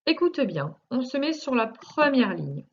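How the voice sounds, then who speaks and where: Slow, patient woman teacher, lo-fi sound. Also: high-pitched, very animated, husky. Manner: slow, carefully articulated, stretching words for early readers; patient and reassuring, speaking directly to one child. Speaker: primary school teacher. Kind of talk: recorded video lesson for young children.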